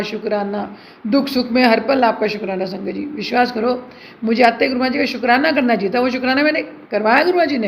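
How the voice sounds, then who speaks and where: A woman's voice: high voice, creaky. A middle-aged woman giving an earnest devotional testimony and addressing her listeners again and again. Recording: dull lo-fi recording with faint hiss.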